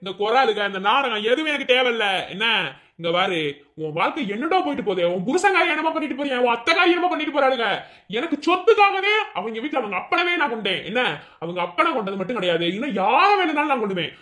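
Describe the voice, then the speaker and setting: A woman's voice: high-pitched, animated, quick pace, a bit bright. A performer voicing a ruthless, greedy village man who taunts and threatens in a Madurai Tamil accent. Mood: menacing. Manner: gloating, taunting, menacing.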